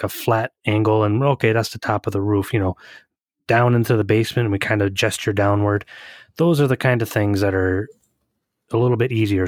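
A man's voice: on the low side, no room sound, clean studio sound. A man co-hosting a podcast in casual chat, talking loosely with restarts and frequent laughs. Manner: chatty, rambling with restarts, laughs often. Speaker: podcast co-host.

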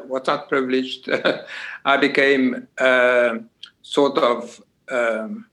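An older man with a South African accent, recalling his past in a halting way with many pauses and fillers. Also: mid-range voice, a bit bright, rough recording. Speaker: guest. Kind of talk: conversational family interview.

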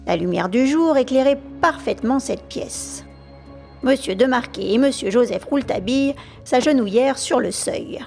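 A woman narrating a classic detective story in a steady, measured way for a podcast. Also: high-pitched, gravelly, soft background music. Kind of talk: audiobook narration.

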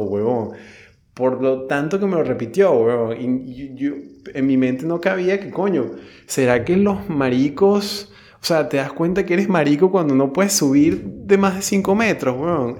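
A man's voice: mid-range voice, a little mellow. Young Venezuelan man, casual storyteller, slangy and profane, rambles with restarts.

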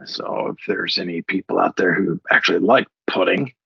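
Middle-aged male co-host, rambling casual storyteller, lower voice, lo-fi recording. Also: moderate pace, vocal fry, a bit bright, slightly rough, no echo. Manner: rambling with many fillers and restarts. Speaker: podcast co-host. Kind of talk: casual morning show chat. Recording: dull lo-fi sound.

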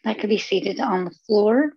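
A woman leading a guided meditation in a soft, husky voice, soothing and unhurried, with pauses between phrases. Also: mid-range voice, no room sound, dull audio.

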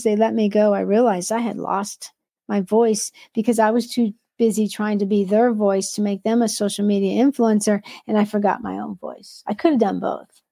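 A woman's voice: medium pitch, creaky, warm tone, no room sound. A woman, an entrepreneur and devotional author, talks earnestly about her faith and work, often quoting scripture and sometimes restarting her sentences. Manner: earnest, quotes scripture aloud; restarts and self-corrections. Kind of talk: faith-based conversational sharing.

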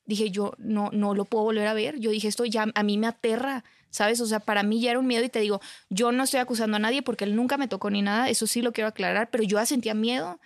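A woman's voice: on the high side, fairly even intonation, quick pace, few pauses, no echo. Candid mexican woman telling a story. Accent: Mexican Spanish. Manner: candid, peppers her story with "¿sabes?" and "o sea". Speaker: podcast guest. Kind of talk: casual storytelling chat.

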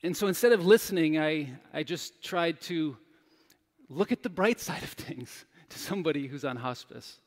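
A man's voice: fairly high pitch, expressive, moderate pace, big-room sound. A man giving a sermon, telling a personal story in a candid, self-deprecating way. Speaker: pastor.

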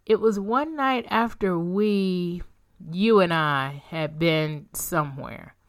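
A woman reading as an intense grown man, slow and low. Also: no echo, studio quality. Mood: recalling. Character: adult man, a lover, intense and direct.

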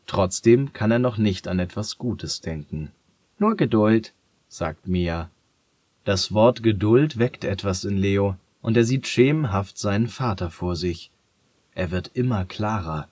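A man reading a children's story aloud in a calm, gentle and measured way. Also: fairly low pitch, no room sound.

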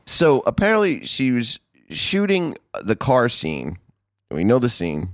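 A man hosting a podcast, telling a story in an animated, profane, chatty way. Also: medium pitch, a little slow, no echo, studio quality. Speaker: podcast host. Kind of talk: casual podcast chat.

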